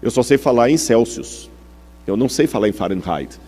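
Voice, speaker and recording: A man with a Brazilian Portuguese accent gives a teaching sermon in a mellow, warm voice. He explains patiently and keeps asking the congregation whether they follow. His words ring out with a long reverb through a large church hall. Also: mid-range voice, lively intonation, moderate pace. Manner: explanatory, checks in with the audience through questions.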